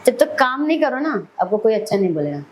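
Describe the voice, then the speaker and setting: A woman's voice: a little high, very animated, fast, a little hiss or hum, low-quality recording. A middle-aged woman, a podcast guest telling her life story vividly. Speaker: celebrity hair stylist, podcast guest. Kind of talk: personal storytelling in an interview.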